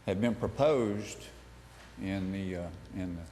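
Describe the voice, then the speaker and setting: Halting low-voiced man at a podium. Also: mellow. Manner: halting, with many fillers. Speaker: member of the public speaking at a meeting. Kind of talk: public comment. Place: large county commission room. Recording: reverberant hall, faint noise.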